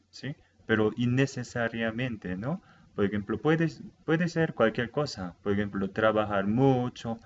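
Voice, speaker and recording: A man teaching a language lesson in a casual video, slowly repeating words for learners to say after him. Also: medium pitch, highs cut off, a little hiss or hum.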